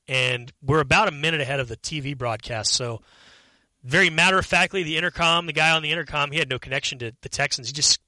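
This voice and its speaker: An upbeat man co-hosting a casual sports chat with a very bright, sharp tone and a slightly high voice. The sound is dry and close, with no room echo. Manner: upbeat and chatty. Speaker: co-host.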